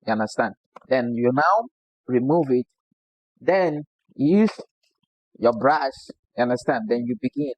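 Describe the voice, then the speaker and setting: Here a Ghanaian man, a barber, demonstrates his work casually by hand, peppering it with "you understand?" in his Ghanaian English accent. He sounds expressive at a medium pitch and a measured pace, pausing often, in an echo-free recording with the highs cut off.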